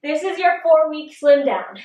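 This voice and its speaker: A woman's voice: sits high, expressive, unhurried, a little mellow. A woman fitness instructor leading a workout video, out of breath and huffing between her coaching cues. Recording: roomy echo, distant mic.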